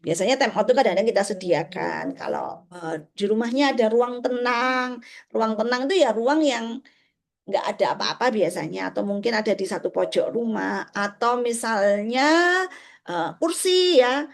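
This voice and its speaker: A middle-aged woman giving a parenting talk to parents, explaining gently and acting out short exchanges between parent and child. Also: a little high, expressive, normal speed. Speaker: parenting speaker.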